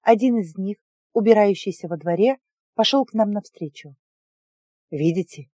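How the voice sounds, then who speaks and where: A woman reading a first-person story in an even, measured manner. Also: medium pitch, no room sound, clean studio sound. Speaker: audiobook narrator.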